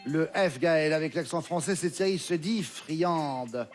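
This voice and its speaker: A man hosting a television quiz show, reading clues briskly and confirming answers. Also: on the high side, soft background music. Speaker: game show host. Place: television studio with audience.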